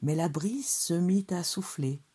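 Slow, husky woman reading a storybook. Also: lowish voice. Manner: calm, measured storytelling. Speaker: storybook reader. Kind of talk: reading a children's story aloud.

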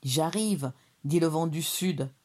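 A woman reading a children's story aloud in a calm, measured way. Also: deep voice, slightly rough. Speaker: storybook reader.

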